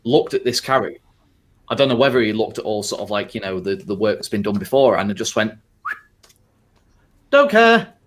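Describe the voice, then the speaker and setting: A man's voice: lowish voice, fairly even intonation, fast. A man hosting a casual podcast chat, rambling with constant fillers and frequent swearing. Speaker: podcast host.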